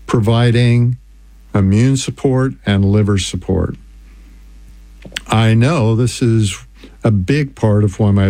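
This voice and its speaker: An older man hosts a radio health program, reading listener testimonials and pushing a product in an earnest pitch. His voice sits low and mellow, recorded close and dry with no room sound. He stretches some words slowly and repeats the phone number with care. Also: no room sound. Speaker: radio show host.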